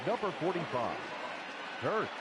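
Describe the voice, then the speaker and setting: A man making slow, measured formal announcements as a stadium announcer, heard over a PA loudspeaker at a baseball stadium. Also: on the high side, sing-song. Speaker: stadium public address announcer. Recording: distant PA voice over loud crowd noise.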